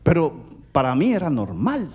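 Middle-aged Caribbean preacher, Caribbean Spanish accent, lively booming sermon delivery, pitched a bit high. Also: male voice, moderate pace, slightly rough. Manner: animated, loud, swings between booming and hushed.

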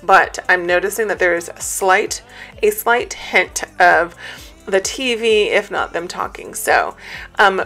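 A woman's voice: medium pitch, creaky, sharp tone. A woman chatting casually in a home voice-over for her cleaning vlog, with lots of ums and a TV faintly audible from the next room. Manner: chatty, many fillers. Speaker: cleaning vlogger.

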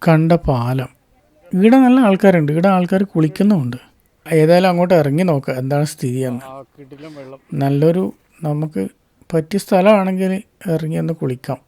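A man's voice: a little high, mellow. A man with a Malayali accent casually narrating his travel vlog outdoors. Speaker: vlogger. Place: outdoors by a river.

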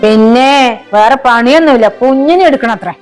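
A woman's voice: fairly high pitch, brisk, a little mellow, low-quality recording. A woman acting as a fussy, doting grandmother in a family sketch, with light music behind. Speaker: grandmother character.

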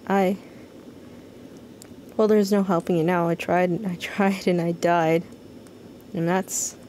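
A woman voicing a bitter, ominously calm masked doctor from a video game, accusing in a deliberate, cold way. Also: lowish voice, slight background noise. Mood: resigned. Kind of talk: reading game dialogue aloud.

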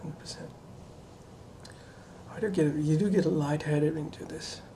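A young adult woman talking casually to camera during voice practice, halting and muttering as she thinks aloud in a bedroom. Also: low-pitched, warm tone. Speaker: voice trainee doing breathing exercises. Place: small cluttered bedroom, indoors. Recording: faint room noise.

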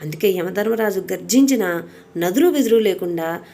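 Mellow woman telling a devotional story. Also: mid-range voice, lively intonation, normal speed, vocal fry. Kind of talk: scripted devotional story narration.

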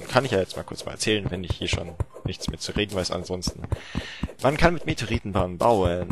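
Goofy, yelping young German-speaking gamer. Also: male voice, fairly low pitch, background noise. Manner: goofy, self-mocking, bursts into yelps and shouts. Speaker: let's play commentator. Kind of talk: casual gameplay commentary.

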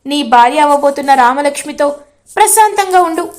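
A woman's voice: high-pitched, lively intonation, a little fast. A woman voicing a heartbroken young woman firmly rejecting a man's love, in a retold serial story.

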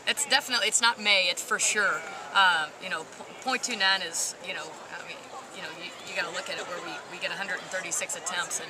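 Fast-talking woman coach in a headset. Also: medium pitch. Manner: rapid, filler-heavy answers with frequent "you know". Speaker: volleyball head coach. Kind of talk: postgame interview. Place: courtside in a large indoor arena. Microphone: headset microphone. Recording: arena crowd and background noise.

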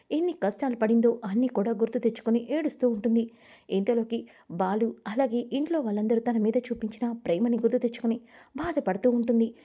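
A woman narrating a dramatic story in a steady retelling. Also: on the high side.

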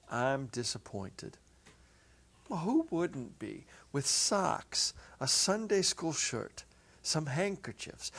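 A husky, mid-range voice belongs to a middle-aged man giving a dramatic story reading, swinging from hushed to emphatic with deliberate pauses. He narrates while seated at a music stand on an indoor stage set, picked up by a clip-on lapel mic.

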